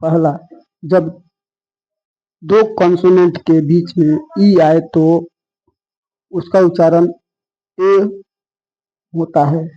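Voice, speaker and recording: Male teacher, patient spelling drills, raised pitch, muffled lo-fi recording. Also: little pitch movement, dark tone. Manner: slow, patient, repeats each rule. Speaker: English teacher. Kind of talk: spoken lesson spelling out words. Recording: dull lo-fi sound.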